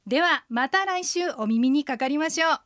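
A woman, an interpreter guide, co-hosting a radio language lesson and leading the listeners through patient, clear pronunciation drills. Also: high voice, lively intonation, normal speed, a bit bright, dry recording, studio quality.

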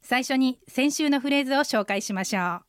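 A woman, an interpreter guide, teaching a radio language lesson, explaining phrases patiently and slowing down to model pronunciation. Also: sits high, clear, resonant tone, no room sound, studio quality. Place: radio studio.

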